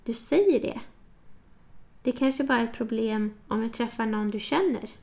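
A woman voicing touchy young Sara, raised pitch. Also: vocal fry, a little mellow. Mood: defensive.

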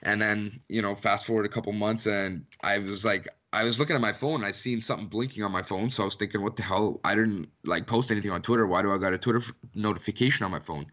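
A man's voice: on the low side, fast talker, few pauses, fairly bright tone, dull audio. A young man from Canada, a podcast guest, talking loosely and rambling with lots of "like" in casual chat. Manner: loose, rambling, heavy use of "like".

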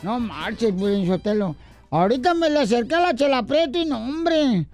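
Mexican radio co-host, man, very high voice, dry studio sound, joking and slangy. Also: sing-song, moderate pace, a little mellow, no echo, soft background music. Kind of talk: morning radio banter.

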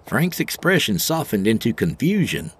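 A man's voice: medium pitch, normal speed, husky. A man narrating an audio drama in the first person, wry and colloquial. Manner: wry, colloquial storytelling with animated swings.

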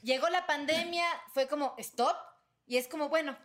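A woman in her twenties from Venezuela, a guest chatting casually on a podcast, reflective and trailing off softly. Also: sits high, normal speed, over a noisy crowd. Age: 20s.

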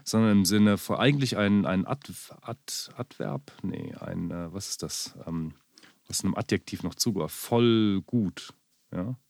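Low-voiced man rambling. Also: creaky, a little mellow, no room sound. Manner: rambling, halting, many restarts and fillers. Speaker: podcast co-host. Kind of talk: casual chat. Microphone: studio microphone.

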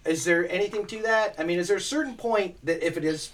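A man co-hosting a podcast in casual chat, animated with quick banter. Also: sits high. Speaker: podcast co-host.

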